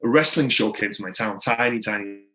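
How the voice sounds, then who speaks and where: A Welshman with a Welsh accent, a native Welsh speaker, rambles through his story as a podcast guest, peppering it with "like" and "right?". His voice is lowish, bright, and pushed, and he talks a little fast.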